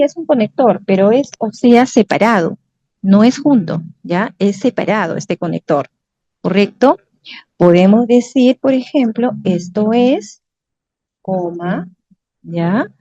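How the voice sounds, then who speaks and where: A woman's voice: a little high, mellow, dry recording, muffled recording. A woman with a Peruvian Spanish accent teaching an academic writing lesson, patiently explaining and checking understanding with short tag questions. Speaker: lecturer.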